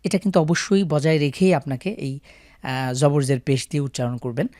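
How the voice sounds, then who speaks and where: A man's voice: a little high, fairly even intonation, fairly quick, mellow, no echo, studio quality. A man with a Bangladeshi Bengali accent teaching Quran reading, patiently explaining and chanting syllable drills aloud. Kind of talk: step-by-step recitation lesson.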